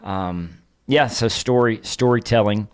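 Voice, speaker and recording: A man who is a pastor, co-hosting a casual conversation and leading a lesson in a measured way, walking through numbered points. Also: fairly low pitch, smooth. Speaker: pastor and podcast co-host.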